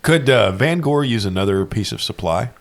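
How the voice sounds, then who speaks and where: A man's voice: lowish voice, expressive, normal speed. A man playing a tabletop game who speaks in a hesitant, easygoing way. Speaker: player.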